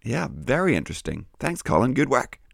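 A man's voice: mid-range voice, sing-song, a little fast, gravelly, fairly bright tone, dry recording, studio quality. A man hosting a scripted educational Bible show, explaining things in an encouraging way. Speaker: host.

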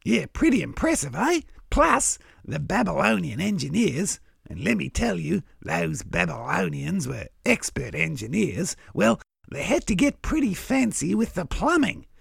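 A man voicing a cheerful, matey crow with an Australian accent, explaining things in casual tradesman-like slang with a gravelly, raspy voice. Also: high-pitched, huge pitch swings, a little slow, hardly any pauses, dry recording, clean studio sound, full character voice. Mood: chatty, matey. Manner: blokey, casual tradesman-like slang and folksy asides. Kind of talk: scripted comic educational dialogue.

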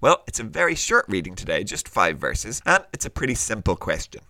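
A man's voice: lowish voice, very animated, a little fast, bright, forceful tone, dry recording. A man presenting a children's podcast like a kids show host, speaking directly to young listeners in a scripted but conversational way.

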